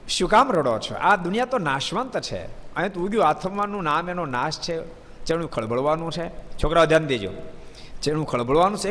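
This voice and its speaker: Male preacher, fairly high voice, animated sermon delivery, recorded in a reverberant hall. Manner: animated, addresses listeners by name, rising emphatic bursts. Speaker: swami preacher. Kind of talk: devotional sermon with storytelling.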